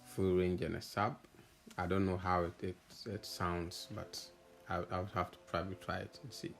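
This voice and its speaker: An audio installer narrates a video of his own project in a casual, hesitant voice-over, thinking aloud as he explains, with background music playing behind him. His voice is low-pitched and gravelly, with little pitch movement and a normal pace.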